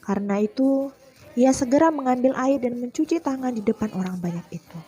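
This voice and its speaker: Woman teacher telling a children's Bible story, higher pitched, breathy, expressive, speaks straight to the kids. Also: brisk, lo-fi sound, faint music behind. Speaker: Sunday school teacher.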